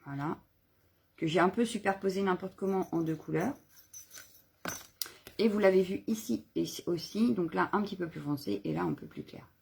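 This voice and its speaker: A woman's voice: on the low side, moderate pace, long pauses, a little mellow, a little hiss or hum. A woman chatting casually on a live craft video, showing her stamps and stencils, rambling with fillers and self-corrections. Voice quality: husky, gravelly.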